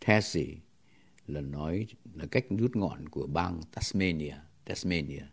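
A male English teacher explaining words patiently, pausing to think and spelling them out letter by letter. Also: deep voice, a little mellow. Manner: pauses with thinking fillers. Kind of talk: explaining language on a radio lesson.

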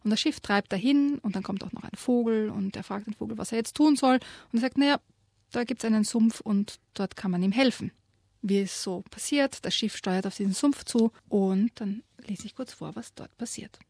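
A woman co-hosting a radio show, lively retelling and reading aloud a children's story, giving quoted lines their own voice. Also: mid-range voice, fairly quick, gravelly, few pauses, no room sound. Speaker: radio co-host presenting children's books.

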